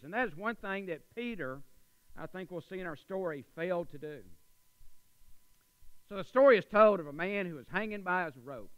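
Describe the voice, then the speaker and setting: A male preacher with a Texan accent, delivering a folksy sermon to his church that climbs to loud, emphatic high points. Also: smooth, no room sound, poor audio. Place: church sanctuary.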